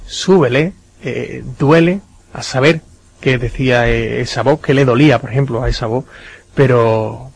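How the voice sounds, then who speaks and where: A man's voice: medium pitch, steady tone, normal speed, vocal fry, breathy edge, low-quality recording. A man hosting a Spanish radio show about the paranormal, guiding his guests with questions. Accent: Spanish (Spain). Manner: guides guests, asks questions. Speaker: radio host.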